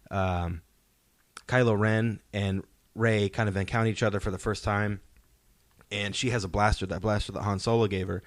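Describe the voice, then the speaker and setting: A man hosts a podcast of casual pop-culture discussion, explaining his points and asking rhetorical questions, while soundtrack music plays faintly behind him. His voice is fairly low, and the recording is dry.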